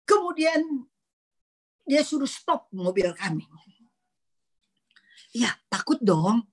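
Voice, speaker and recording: Slow, husky middle-aged woman preaching. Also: on the high side, big pitch swings. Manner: dramatic storytelling, whispers and acts out quoted lines. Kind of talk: sermon at an online prayer meeting.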